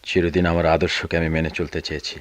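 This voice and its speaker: A weary, bitter middle-aged father in a 1990s radio drama, with a very deep, low voice. He speaks with tired resentment and at times raises his voice in frustration. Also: level tone, fast. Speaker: father of grown children.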